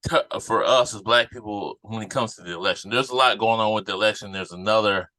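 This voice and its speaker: A man's voice: fairly low pitch, fairly quick, sharp tone, no echo. A man giving off-the-cuff political commentary as a podcast host, indignant and emphatic, often repeating phrases for emphasis.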